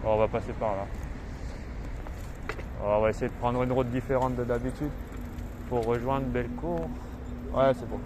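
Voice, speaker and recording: A man's voice: mid-range voice, steady tone, normal speed, long pauses. A man with a slight lisp giving casual, informal commentary to viewers while riding outdoors. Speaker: vlogger filming his ride. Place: outdoors, riding an e-bike in city streets. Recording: loud wind noise on outdoor microphone. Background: wind, ambient street noise.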